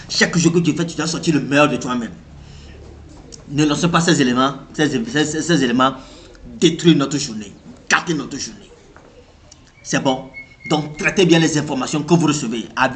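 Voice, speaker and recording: A man with an African French accent giving an animated motivational talk, repeating himself and firing rhetorical questions at the listener. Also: medium pitch, brisk, a little hiss or hum. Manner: animated, repetitive, rhetorical questions, acts out reactions. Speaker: motivational speaker.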